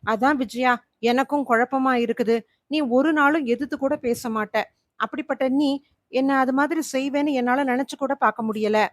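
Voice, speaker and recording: A woman's voice: high-pitched, moderate pace, dry recording, studio quality, natural voice. A woman voicing a worried middle-aged husband who pleads anxiously, in a storybook reading.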